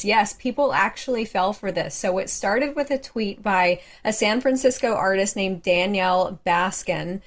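Amused woman correspondent, wry tone. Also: on the low side. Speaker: West Coast correspondent. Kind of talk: chatty news segment.

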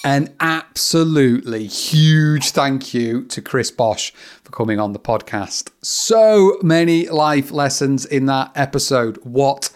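A man's voice: mid-range voice, expressive, takes it slowly. A man hosting a podcast, running a playful quiz and wrapping up the episode in an upbeat way. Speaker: podcast host. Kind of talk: interview and scripted outro.

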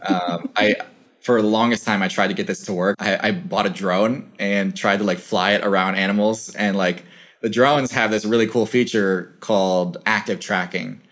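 A man's voice: fairly low pitch, fairly even intonation, normal speed, fairly bright tone. A young man speaking as an interview guest over a video call, musing thoughtfully with lots of "like" fillers. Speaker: interview guest, channel creator. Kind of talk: casual conversational interview.

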